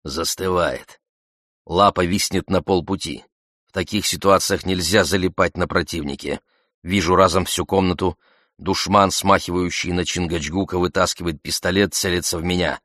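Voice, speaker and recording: A man's voice: sits low, fairly even intonation, normal speed, a bit bright, no room sound, clean studio sound. A man narrating an audiobook in the first person, with a terse, clipped delivery.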